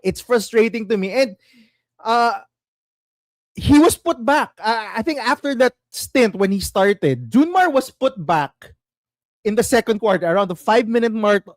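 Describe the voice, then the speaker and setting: Filipino accent, young man, high voice, switches between English and Tagalog, laughs a lot. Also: a little slow, dry recording, studio quality. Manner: animated, switches languages mid-sentence, laughs often. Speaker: basketball podcast host. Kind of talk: casual sports analysis chat, mixing English and Tagalog.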